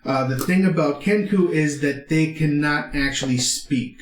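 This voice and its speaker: A man narrating as game master of a tabletop game, explaining the world in an unhurried way. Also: on the high side, reverberant, a little hiss or hum.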